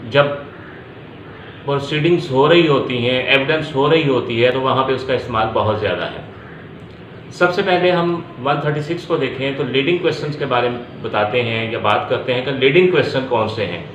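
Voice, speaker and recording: Giving a law lecture with a Pakistani accent, this man explains each point step by step, restating it and blending in English terms. He speaks at a moderate pace in a medium-pitched, fairly bright voice, recorded in an echoey room with faint background noise.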